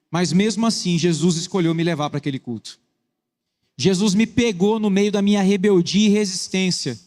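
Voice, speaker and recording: A Brazilian pastor with a Brazilian Portuguese accent and a fairly high voice preaches a sermon with personal testimony, full of earnest intensity. He alternates rushed bursts of phrases with slow, weighty lines for emphasis. A long echo from the church hall surrounds his voice.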